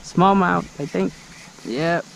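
A man's voice: high voice, slow pace, vocal fry. A man vlogging while he fishes outdoors, giving laid-back running commentary to the camera, laughing often and swearing casually. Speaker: fishing vlogger. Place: outdoors by the water while fishing. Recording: noisy outdoor camera audio.

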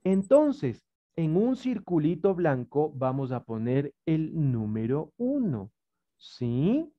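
With a low, sing-song voice and slow pace, this Ecuadorian-accented woman teaches young children in an online class as a primary school teacher. Her muffled video-call delivery is patient and coaxing, rich in diminutives.

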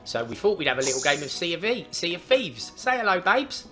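A man's voice: a little high, sing-song, brisk, bright, forceful tone, faint music behind. A man hosting a casual game stream, coaxing and playful as he guides a child. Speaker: gaming channel host. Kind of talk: casual let's-play chat with a child.

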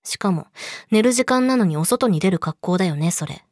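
A woman's voice: medium pitch, expressive, a little fast, a little mellow, no echo, studio quality, close to an everyday voice. A woman playing a clingy, possessive yandere girlfriend in an intimate pillow-talk role-play, coaxing and insistent. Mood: coldly menacing.

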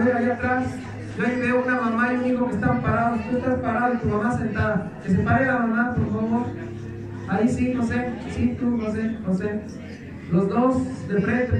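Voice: medium pitch, recorded from a distance. A pastor preaching and leading a prayer at a church service, exhorting the congregation in a repetitive prayer cadence. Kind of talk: sermon and led prayer. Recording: echoey church hall, off-mic, congregation audible.

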